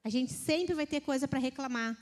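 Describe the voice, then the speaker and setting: High-pitched Brazilian woman preaching to women, animated and mimicking, recorded with a long church-hall echo. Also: normal speed. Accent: Brazilian Portuguese. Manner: lively, mimics complaining voices. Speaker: women's ministry speaker. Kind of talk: casual sermon to a women's group.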